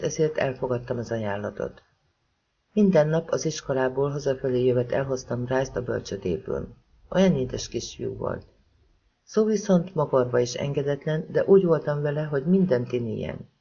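A man voicing a remorseful young woman who haltingly recounts painful memories in a husky voice. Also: medium pitch, lively intonation, warm tone, highs cut off. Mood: troubled.

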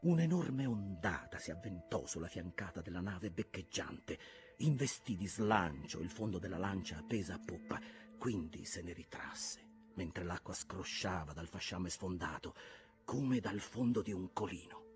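Guy narrating an audiobook, low deep voice, steady measured pace. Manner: calm, measured reading. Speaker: audiobook reader. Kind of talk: scripted narration.

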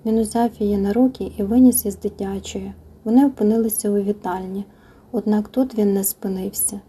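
A woman narrating a novel as an audiobook, soft and intimate, sometimes sinking into a whisper. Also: mid-range voice, steady tone, brisk, husky.

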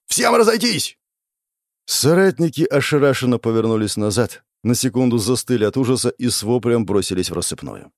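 A man reads dramatic fantasy fiction aloud with an expressive storytelling delivery. His pitch rises and falls widely, and the recording is dry and close, with no room echo. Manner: expressive storytelling, voicing the characters. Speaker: audiobook narrator.

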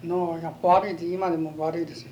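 Elderly man, western Japanese accent, high voice, quick folksy storytelling for an oral history; slightly noisy tape. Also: level tone, dark tone. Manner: folksy old storyteller, repeats himself. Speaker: interviewee.

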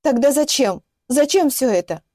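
Woman doing young female captive, shrill and furious, audiobook. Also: animated, normal speed, no echo, studio quality. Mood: defiant. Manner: shouting, hysterical outbursts.

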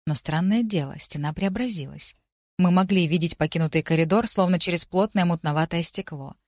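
A woman giving a steady, expressive first-person narration of a fantasy audiobook. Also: lowish voice, brisk, no room sound, clean studio sound.

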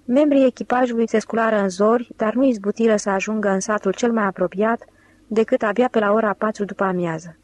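A woman reading a novel aloud as an audiobook narrator, in a steady, even voice on a close mic. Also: medium pitch, poor audio. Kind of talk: scripted narration.

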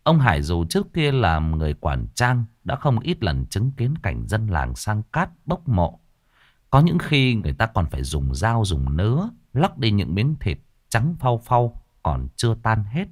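A man reading a ghost story aloud in a dramatic, expressive style. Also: fairly low pitch, measured pace, no room sound, clean studio sound. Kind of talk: scripted horror story narration. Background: faint background music.

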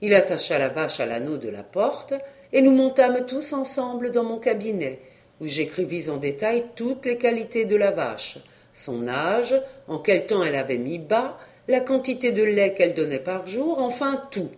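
A reader giving a literary story in expressive, varied audiobook narration. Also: mid-range voice, normal speed.

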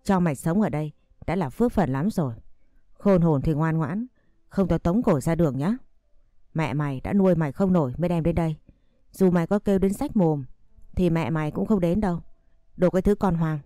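A woman's voice: sits low, fairly quick, mellow, no echo, studio quality, natural voice. A woman voicing a harsh, scornful stepmother who hurls insults and threats in an audio story. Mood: contemptuous.

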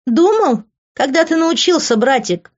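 A woman's voice: high voice, animated, moderate pace, a little mellow, lo-fi sound, voice pushed up. A woman voicing a spiteful, mocking young woman who taunts in a sneering tone. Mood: taunting.

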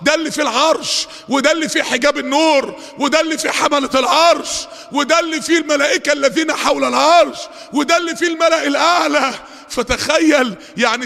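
A man with an Egyptian accent preaching a Friday sermon, fiery, moving between quick asides and drawn-out, shouted recitation. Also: very high-pitched, gravelly. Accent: Egyptian Arabic. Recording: long hall reverb.

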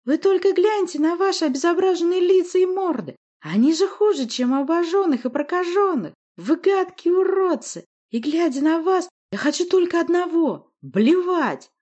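A woman's voice: very high voice, animated, normal speed, few pauses, mellow, dull audio, voice pushed up. A woman voicing a mad young witch in an audiobook, with a piercing, squealing voice, shrieking orders and insults. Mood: shrieking, frenzied. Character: shrill mad young witch, screeching and cruel. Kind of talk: audiobook character voice.

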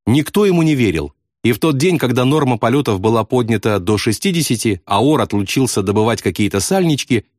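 A man narrating a novel in a steady, vivid literary reading. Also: medium pitch, no echo, studio quality. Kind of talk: audiobook narration.

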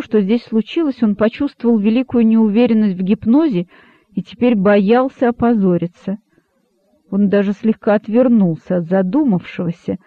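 A man reading an audiobook in an even storytelling manner. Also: sits high, no room sound. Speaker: audiobook narrator. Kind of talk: scripted narration. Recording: dry, narrow phone-like sound.

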